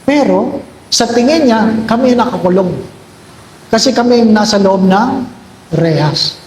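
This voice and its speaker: Priest, middle-aged man, Filipino accent, fairly high voice, storytelling sermon; echoey hall, faint ambience. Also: animated, a little mellow, slight background noise. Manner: storytelling, repeating key lines slowly.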